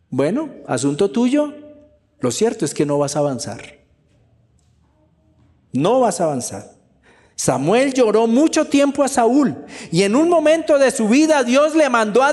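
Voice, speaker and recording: Emphatic man preaching in a large hall. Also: extremely high pitch. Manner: emphatic preaching, repeats key phrases. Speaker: pastor. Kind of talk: sermon.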